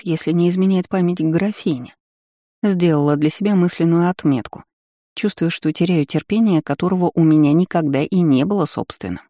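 A woman reading a first-person novel aloud in an even, measured storytelling manner. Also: deep voice, no echo, studio quality. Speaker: audiobook reader.

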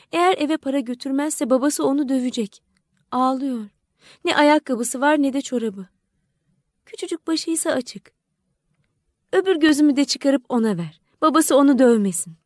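A woman voicing a gentle, selfless male prince statue in an audiobook, speaking softly and imploringly. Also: high-pitched, expressive, normal speed, long pauses, no echo, studio quality. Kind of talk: audiobook character voice.

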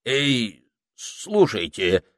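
Male narrator voicing a sneaky toad spy, shrill and wheedling, loud. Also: very animated, extremely slow, dry recording, studio quality. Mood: aggrieved. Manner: whiny, wheedling, cocky.

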